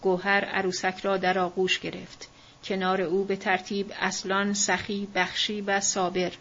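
A woman narrating a novel as an audiobook in a measured, even reading voice. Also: mid-range voice. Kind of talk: scripted literary narration. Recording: dull lo-fi recording.

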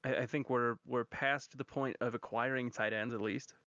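A man's voice: medium pitch, steady tone, moderate pace, fairly bright tone, no echo. Hesitant man on a dull, dry recording. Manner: hesitant, stammering restarts. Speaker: podcast co-host. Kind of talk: casual sports chat.

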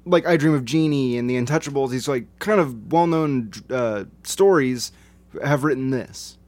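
A man's voice: medium pitch, moderate pace, a little mellow, dry recording. Laid-back man hosting a movie chat. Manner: laid-back, reads film facts from notes. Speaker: podcast co-host. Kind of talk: casual movie review chat.

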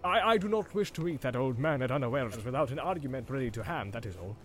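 A man voicing a gruff, grumbling male dwarf warrior in a storybook reading, blunt and wary, half joking. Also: mid-range voice, lively intonation, fast, a little hiss or hum, lightly acted. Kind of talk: audiobook reading.

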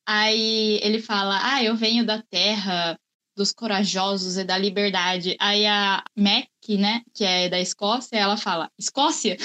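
A woman's voice: medium pitch, takes it slowly, sharp tone. A woman in a casual film discussion, chatty and explaining at length.

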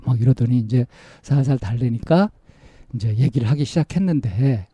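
A male counselor telling the story of a counseling case in a gentle, coaxing way with many fillers, acting out the back-and-forth with a child. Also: mid-range voice, no room sound. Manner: recounts dialogue, acting out the child's replies.

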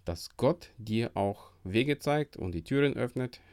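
A man's voice: mid-range voice, lively intonation, a little slow, darkish tone, no room sound, studio quality. A man hosting a devotional podcast, talking earnestly and encouragingly in a preacher-like way. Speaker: podcast host.

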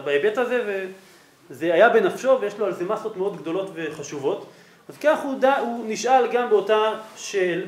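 A rabbi delivers a lesson on religious law in a fairly high voice for a man. He explains patiently, walks through his sources and keeps asking his listeners whether they follow. The room around him is echoey. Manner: explanatory, checks in with rhetorical "right?". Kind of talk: Torah lesson. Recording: roomy echo.

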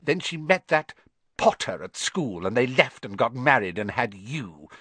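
A man voicing a spiteful, bitter middle-aged aunt who rants in a shrill shriek, in an audiobook story. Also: big pitch swings, measured pace, fairly bright tone, husky, no echo, full character voice. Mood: bitter ranting. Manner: shrieking, ranting.

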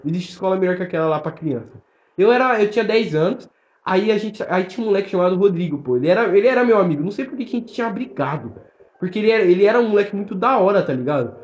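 A young man with a Brazilian accent, telling stories in fast, slangy casual podcast chat full of fillers. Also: high-pitched, lively intonation. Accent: Brazilian Portuguese. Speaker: podcast co-host. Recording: roomy, dull lo-fi sound.

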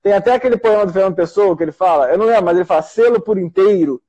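Husky high-voiced Brazilian man, rambling. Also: racing, mellow, muffled recording. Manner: rambling, many restarts and repeated words. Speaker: doctor and medical teacher; host. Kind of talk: casual live conversation.

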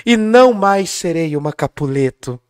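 A man voicing Juliet as a lovesick young woman, reciting in a slow, drawn-out theatrical way. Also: a little high, lively intonation, darkish tone, smooth, no room sound, clean studio sound, close to an everyday voice. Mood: yearning.

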